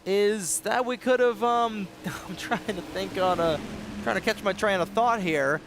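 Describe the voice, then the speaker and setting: Engines roar in the background as a man delivers rapid, excitable coverage of an online racing league. His voice has a slight rasp, and it spikes in pitch at tight moments on track.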